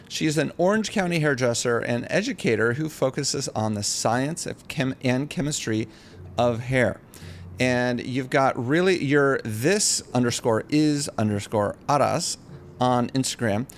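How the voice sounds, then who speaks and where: A man's voice: medium pitch, a little hiss or hum. A man hosting a podcast, introducing his guest and musing in a loose, rambling way with many restarts. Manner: reflective, rambling, restarts phrases. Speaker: podcast host. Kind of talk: casual podcast interview.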